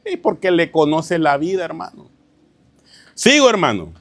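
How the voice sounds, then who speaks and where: A man's voice: a little high, very animated, moderate pace, vocal fry, fairly bright tone, no echo. A male pastor preaching a sermon, often asking his congregation rhetorical questions and calling them brother. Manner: tells anecdotes with a chuckle, informal preaching. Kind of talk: sermon teaching.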